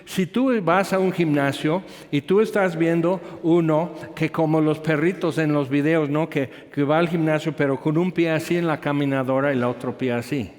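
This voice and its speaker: A man with a somewhat high voice delivers a sermon, mixing a personal story with asides and quick questions to the listeners. His voice carries a long reverb from a large hall. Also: a little mellow. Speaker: preacher.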